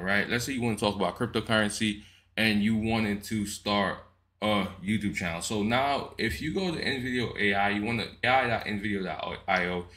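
A man's voice: on the low side, a bit bright. A man hosting a casual tech tutorial, walking through a program step by step with chatty "right?" tags and frequent restarts. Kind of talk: casual screen-recorded software walkthrough.

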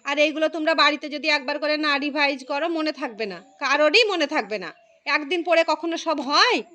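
A woman teaching a primary school class. She calls on pupils by name, repeats key phrases slowly and praises their answers. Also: high-pitched, bright, forceful tone. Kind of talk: classroom lesson.

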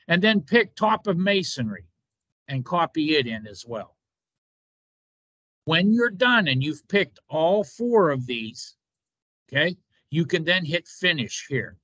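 Bright-voiced man teaching software steps. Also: a little high, dry recording. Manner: informal step-by-step instruction, repeated "watch". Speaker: instructor. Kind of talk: screen-recorded software tutorial.

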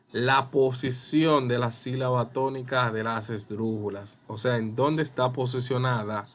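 A man explains a spelling lesson at a very slow, deliberate pace. He walks through each example step by step and repeats the rules. A faint hiss of noise sits under his voice. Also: medium pitch, fairly bright tone. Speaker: teacher.

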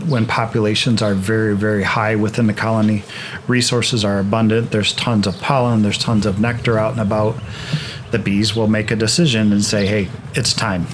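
A man explaining swarming while working his beehives in a grassy yard, in a relaxed manner with frequent restarts. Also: lowish voice, noisy background. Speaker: beekeeper, channel host. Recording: outdoor recording with insect buzz behind.

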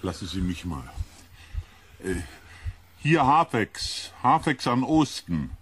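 An actor playing a sober, rational male scientist in a German radio play, husky and measured. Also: medium pitch, big pitch swings, fairly bright tone, a little hiss or hum. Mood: probing. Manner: measured, reasoning.

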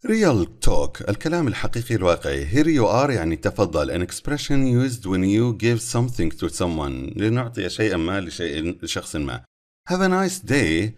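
A man teaching English in a recorded lesson, reading English phrases slowly and then explaining them quickly in Arabic. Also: low-pitched, sing-song, darkish tone.

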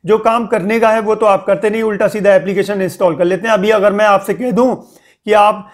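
Man, young adult, high voice, casual news update, scolding, repeats warnings. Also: fairly even intonation, brisk. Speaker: news channel host.

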